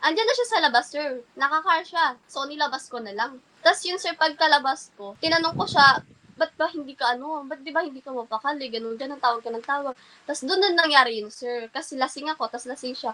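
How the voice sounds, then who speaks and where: A woman with a high, bright voice tells her story in an interview, speaking politely and a little haltingly. She keeps restarting her sentences and stays deferential to the interviewer. A faint hum of ambient noise sits behind her. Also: low-quality recording. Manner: polite and hesitant, keeps addressing the interviewer respectfully; halting, with many restarts and fillers. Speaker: interview guest.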